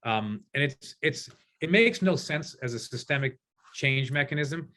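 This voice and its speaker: A man's voice: mid-range voice, lively intonation, measured pace, pushed and bright. A man in his forties, a guest in a discussion, arguing his case with passion. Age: 40s. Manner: passionate, argumentative. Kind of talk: conversational discussion.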